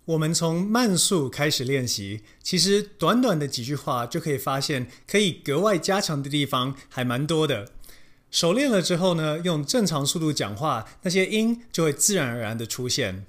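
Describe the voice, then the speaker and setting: An English pronunciation teacher giving a language lesson, explaining in Mandarin and modeling English words slowly and repeatedly. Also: mid-range voice, sing-song. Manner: switches between Mandarin explanation and English examples.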